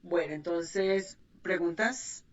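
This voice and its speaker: A woman with a lowish voice speaks slowly while teaching an online English class. She explains grammar patiently and checks that her students follow, asking "¿sí?" and "¿listo?" along the way. The recording sounds muffled, with a distant mic.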